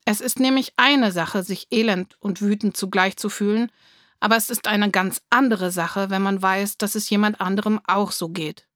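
A woman reading a children's book aloud with lively, expressive storytelling. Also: mid-range voice, normal speed, no room sound, studio quality. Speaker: narrator.

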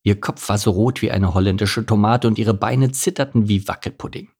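Male narrator for a children's audiobook: low, gravelly, playful, talks directly to listeners. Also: brisk, a little mellow. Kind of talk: scripted narration of a children's story.

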